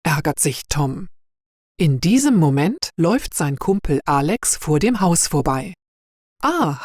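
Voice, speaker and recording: A woman narrating a story slowly and clearly for language learners. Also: on the low side, a little mellow, dry recording, studio quality. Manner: clear and deliberate.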